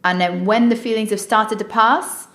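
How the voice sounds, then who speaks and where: A woman's voice: medium pitch, fairly even intonation, moderate pace, fairly bright tone, roomy sound. A woman co-hosting a podcast, chatting directly and addressing listeners. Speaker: podcast co-host. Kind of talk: casual podcast chat.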